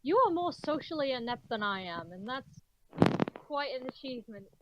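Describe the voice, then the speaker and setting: A woman's voice: high-pitched, animated, normal speed. A woman making dry, teasing remarks in a casual group chat, her voice muffled and distant as if heard through a wall. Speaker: co-host riffing on a movie. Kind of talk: casual group commentary over a voice call. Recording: muffled faint mic with light noise.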